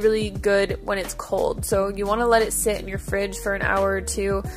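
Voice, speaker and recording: A woman giving a chatty, upbeat voice-over for a cooking vlog, explaining each step in a casual way. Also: mid-range voice. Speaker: vlogger. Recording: music playing behind. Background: background music.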